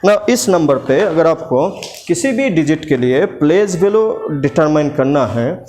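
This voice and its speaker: A man's voice: fairly high pitch, animated, unhurried, a little mellow. A man teaching a maths lesson, patiently asking questions and answering them himself, repeating each step and mixing English terms into his talk. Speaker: maths tutor.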